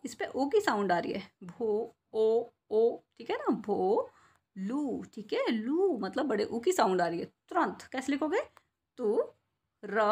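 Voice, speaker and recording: A young woman with a fairly high voice teaches small children to read, sounding out every syllable slowly. She poses a question, answers it herself, then checks whether everyone has understood. Her delivery is patient and deliberate. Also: darkish tone, breathy edge. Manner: slow, drawn-out syllables when sounding out words. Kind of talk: Hindi reading and spelling lesson for children.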